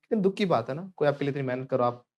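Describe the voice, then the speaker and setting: A man's voice: medium pitch, lively intonation, very fast, darkish tone, dull audio. A man teaching spoken English in an online class, playful and joking, prompting students to repeat phrases after him.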